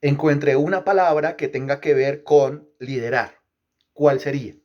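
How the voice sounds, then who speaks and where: Pastor, male, fairly high pitch, emphatic teaching sermon, quizzes the congregation, repeats lines for rhythm. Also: steady tone, a little slow, darkish tone, lo-fi sound. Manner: asks the congregation questions and repeats phrases.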